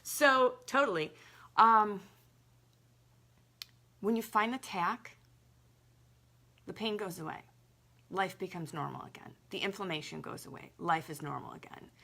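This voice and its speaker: Chatty bright-voiced woman health coach. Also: mid-range voice, measured pace, creaky, long pauses. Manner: chatty and emphatic, lots of "like". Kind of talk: casual direct-to-camera talk.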